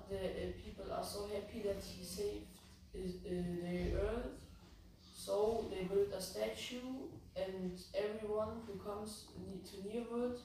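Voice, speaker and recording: A woman's voice: medium pitch, warm tone. A young teenage female pupil hesitantly reciting a story at school. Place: school room. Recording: echoey room, distant mic, noisy.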